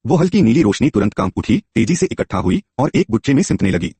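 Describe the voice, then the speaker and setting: A man's voice: mid-range voice, very animated, fast, mellow, slightly rough. A man narrating a story in a scripted telling and voicing its characters himself.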